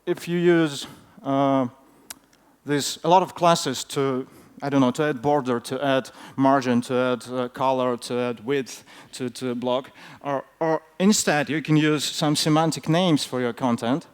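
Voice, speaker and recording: A man who is a non-native English speaker gives an informal technical talk in a hesitant, halting way, often filling his pauses. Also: medium pitch, steady tone, clear, resonant tone. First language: not English. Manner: hesitant, halting delivery with frequent fillers. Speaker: conference speaker.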